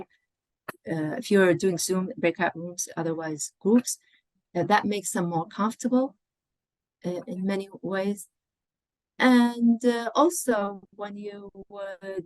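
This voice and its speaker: An Arabic language professor with a low voice gives an informal online teacher-training lecture from indoors over a video call. She speaks conversationally, often checking in with "okay" and "you know." The video call mic yields a dry, close sound with no room tone and poor audio quality.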